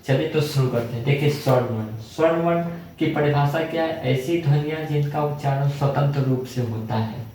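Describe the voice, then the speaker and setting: A young male teacher explains a grammar lesson. His voice is a little high and mellow. He sounds far from the mic in a very echoey room, with a faint hiss behind him. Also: a little fast. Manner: asks questions and answers them himself, repeats key terms.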